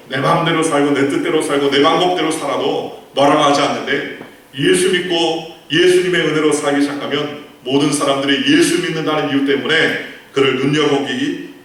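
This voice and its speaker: A man's voice: fairly high pitch, fairly bright tone. A male pastor preaching a sermon, telling a story with rhetorical questions and quoted lines. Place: large church sanctuary. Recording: echoey church hall from far off.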